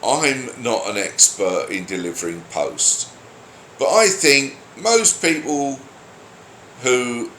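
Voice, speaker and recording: A medium-pitched male voice with a fairly bright tone rants on his own, unscripted and exasperated. The grumpy online commentator is blunt and swears freely. You can hear a roomy echo and faint background noise.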